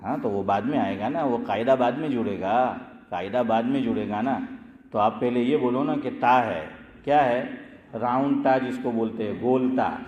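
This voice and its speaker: Cleric quizzing listeners in echoey hall. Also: male voice, mid-range voice, dull audio. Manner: quizzes listeners by name, chants phrases to demonstrate. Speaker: Islamic scholar teaching recitation. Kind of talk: informal religious lesson. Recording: echoey hall with long reverb.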